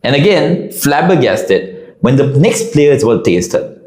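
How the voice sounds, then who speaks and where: A man casually telling an anecdote in an expressive, animated way. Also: mid-range voice, normal speed. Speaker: storyteller. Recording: echoey room.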